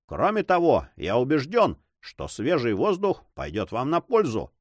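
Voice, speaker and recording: A man's voice: medium pitch, wildly swooping pitch, a little slow, no echo. A man playing a courteous old governor. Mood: persuasive. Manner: gentle, persuasive. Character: courteous older male governor, fatherly.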